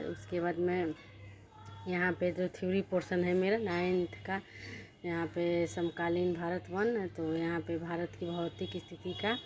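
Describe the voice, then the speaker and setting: A woman's voice: fairly low pitch, a little mellow, slight background noise. A young woman with a Bihari Hindi accent, chatting casually in a study vlog about her exam preparation, rambling and correcting herself as she goes. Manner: rambling, self-correcting, earnest. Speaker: vlogger studying for a teacher exam.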